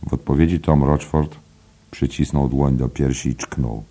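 A man reading literary narration for an audiobook in a measured way. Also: a bass voice, fairly even intonation, warm tone, husky.

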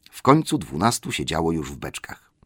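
A man narrating a fantasy audiobook in a steady, measured reading. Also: very deep voice, breathy edge, no echo, clean studio sound. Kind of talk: scripted narration.

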